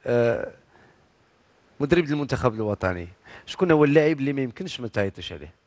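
A man with a Moroccan accent hosting a talk show, firing off quick teasing questions at his guest. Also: medium pitch, sing-song, no echo. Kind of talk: casual interview, rapid-fire questions. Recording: loud music behind the talk.

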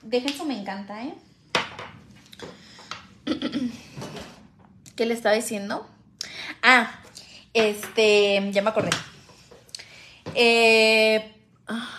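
A woman's voice: mid-range voice, fairly bright tone. A young woman with a Mexican accent, a mother and vlogger, chatting casually and frankly with her viewers, using slang and swearing freely. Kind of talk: casual livestream chat. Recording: echoey room, faint background noise.

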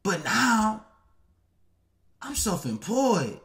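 A man's voice: sits high, big pitch swings, very slow, gravelly, a bit bright. A man hosting a casual livestream and reading viewer messages, talking in blunt, profane street slang. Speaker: channel host.

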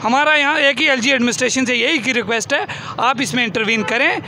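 A man's voice: very high voice, fast, pushed and bright. A young man giving an impassioned, pleading protest speech to a reporter outdoors, repeating himself for emphasis, with a crowd and traffic around him. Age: young adult. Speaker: protest spokesman. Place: outdoor protest tent by a busy road. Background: crowd and passing traffic.

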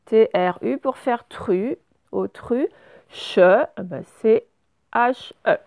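A woman teacher talks slowly and patiently, spelling each word out letter by letter for young children. Her voice sits at a middle pitch and is recorded close and dry, with no room sound around it. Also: creaky, mellow, no echo. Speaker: primary school teacher. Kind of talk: recorded remote spelling lesson.

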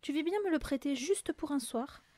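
Brief: clever little girl, woman reader, high, eager and playful. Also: lively intonation, normal speed, mellow, no echo, clean studio sound.

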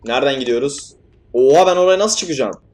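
A man's voice: medium pitch, expressive, brisk, darkish tone. A young man commentating a horror game as he plays, swearing and yelping at scares, then laughing them off. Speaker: gaming YouTuber.

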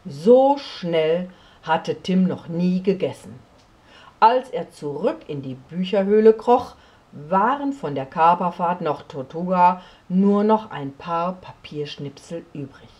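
Slow expressive woman reading a children's story. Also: on the low side. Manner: slow, expressive, often dropping to a near whisper. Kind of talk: storybook read-aloud.

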